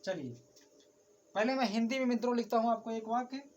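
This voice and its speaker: A man's voice: very high-pitched, a little fast, darkish tone, a little hiss or hum. A man teaching a grammar lesson, patiently repeating each point and often addressing his viewers as friends while writing on a board. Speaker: English teacher.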